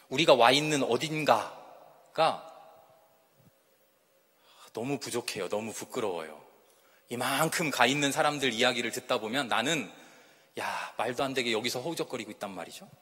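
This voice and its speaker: A man preaching with a lively, rising and falling voice, asking his listeners questions and acting out the quoted lines. His voice rings with a long reverb through a church hall. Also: medium pitch, breathy edge. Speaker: speaker at a church women's retreat. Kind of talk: sermon-style lecture.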